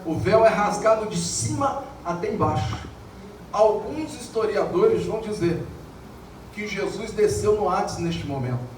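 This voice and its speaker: A Brazilian man preaching an evangelical sermon, building to shouted, sung climaxes. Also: sits high, expressive, measured pace, recorded from a distance, slight background noise. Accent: Brazilian Portuguese. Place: church. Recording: echoey church hall heard from afar, music behind.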